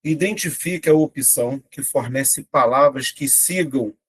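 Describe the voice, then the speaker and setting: Brazilian man teaching a lively lesson. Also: mid-range voice, measured pace, breathy edge. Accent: Brazilian Portuguese. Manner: lively, talks to students directly with frequent "né?". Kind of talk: online exam-prep lesson.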